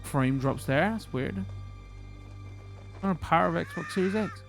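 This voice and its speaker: A man's voice: high voice, lively intonation, unhurried, soft background music. A man hosting a gaming video with casual commentary, hesitant and thinking aloud as he plays.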